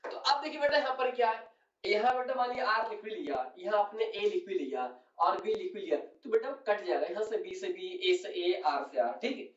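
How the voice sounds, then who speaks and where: A man's voice: high-pitched, normal speed. A male chemistry teacher giving a classroom lecture, calling his students "beta" and checking often that they follow. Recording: roomy, distant, dull lo-fi sound.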